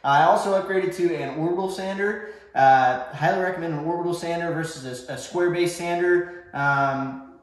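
A man's voice: fairly high pitch, moderate pace. Young man in an echoey garage. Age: young adult. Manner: rambling, filler-heavy, self-correcting. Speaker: woodworking vlogger. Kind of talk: casual shop tour talk. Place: large home garage workshop. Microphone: far camera.

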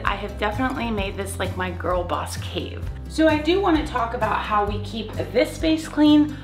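A woman's voice: on the high side, creaky, fairly bright tone. A woman in her forties, chatty and enthusiastic, giving a casual home office tour to a handheld camera. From Florida. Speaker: vlogger host. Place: home office, indoors, small room. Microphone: handheld camera at arm's length.

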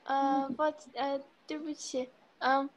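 A woman's voice: high-pitched, little pitch movement, slow pace, dull audio, slight background noise. A woman student asking a question in an online class, hesitant and apologetic with many fillers. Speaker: adult student. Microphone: video call.

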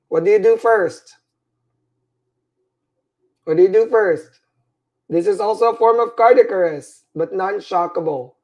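A tired, middle-aged Filipino nursing instructor, speaking English as his second language, livestreams an EKG lecture by webcam. He repeats himself and keeps checking in with "right?" and "all right?", his warm voice sitting high with vocal fry.

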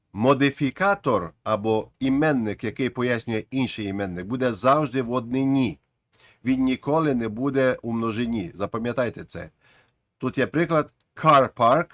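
A man's voice: mid-range voice, no echo. A man explaining an English grammar lesson patiently, with frequent restarts and repeated phrases. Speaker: English teacher.

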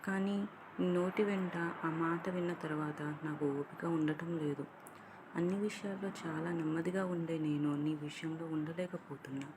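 A woman voicing a heartbroken young woman in love, confessing her feelings in an emotional, soft-spoken way. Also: low-pitched, fairly even intonation, normal speed, noisy background, close to an everyday voice.

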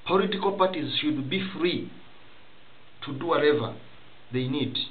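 A young man from Rwanda speaking straight to camera as a political commentator, halting and often restarting and repeating phrases. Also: fairly high pitch. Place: small office room indoors. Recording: tinny lo-fi webcam audio with faint hiss.

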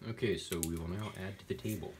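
A man's voice: deep voice, fast, very noisy. A man co-hosting a home video, chatting casually and joking in a mock-serious way. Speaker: co-host testing things in a crimper. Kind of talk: casual chat while filming.

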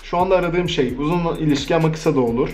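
A young man from Turkey with a high voice talks casually to his viewers, cracking jokes and swearing freely. Faint music plays quietly behind him. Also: fast talker. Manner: joking, swears freely, laughs often. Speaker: YouTuber. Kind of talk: casual vlog commentary.

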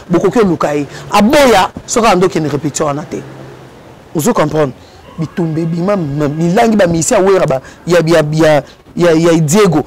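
A man's voice: fairly high pitch, a little hiss or hum. A man animatedly telling a story as a guest in a casual interview. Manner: lively, switches between Lingala and French.

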